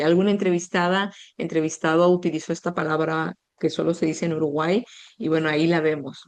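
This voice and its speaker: A woman teacher calmly walking through a conversation lesson, reading example phrases slowly and explaining them. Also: fairly low pitch. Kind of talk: explaining class materials.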